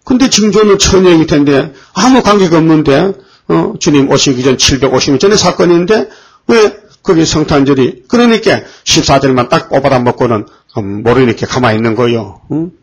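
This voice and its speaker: A man preaching a sermon, often pausing to put questions to the congregation. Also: fairly high pitch, expressive, breathy edge, low-quality recording. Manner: rhetorical questions to the congregation, frequent fillers.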